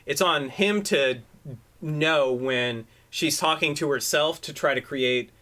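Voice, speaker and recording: This man co-hosts a loose, casual podcast, talking in a bright, somewhat high voice. He rambles, swears freely, and acts out his points as he goes. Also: slow. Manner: profane, rambling, demonstrative. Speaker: podcast co-host. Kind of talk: casual chat. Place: room at home. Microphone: desk microphone.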